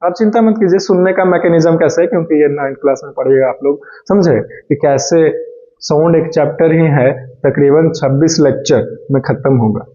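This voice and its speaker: A man's voice: a little high, brisk, warm tone. A man teaching a school science lecture in a chatty way, mixing Hindi and English and asking and answering his own questions. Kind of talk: classroom lecture. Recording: echoey room, dull lo-fi sound.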